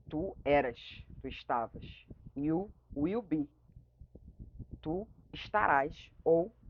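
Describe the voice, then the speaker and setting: A woman with a Brazilian Portuguese accent teaching an English lesson, explaining patiently step by step and often checking in with her students. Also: deep voice. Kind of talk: online classroom lesson. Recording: dull lo-fi recording.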